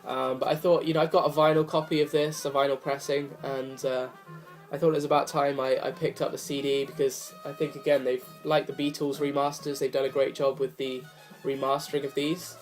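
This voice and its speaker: Brisk and level in tone, a young man with a mid-range voice vlogs about his vinyl records to camera while hoarse from a cold. The chat is casual, rambling and apologetic with many fillers, and a jazz record plays softly behind him.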